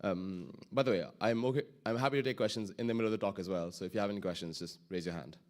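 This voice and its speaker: Low-pitched man giving a technical talk. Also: racing, a little mellow. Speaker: conference speaker, head of innovation. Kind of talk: technical conference presentation. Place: live talk before an audience.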